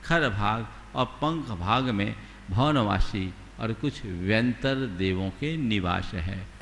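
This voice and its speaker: Monk giving a slow sermon, gravelly voice, big echoey hall w faint hiss. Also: male voice, lowish voice, lively intonation, a bit bright. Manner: slow, deliberate teaching with rhetorical questions. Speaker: Jain monk. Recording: long hall reverb, faint background noise.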